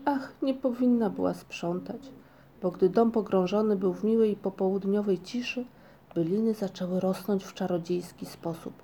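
A woman reads a children's storybook aloud, calm and steady. Her voice is warm and mellow, at a middle pitch. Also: moderate pace. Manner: calm, even-paced reading aloud. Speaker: narrator. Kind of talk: storybook reading.

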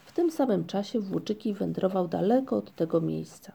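A woman narrating a children's storybook in a gentle, even manner. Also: medium pitch, normal speed, gravelly, slightly rough. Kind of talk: storybook reading.

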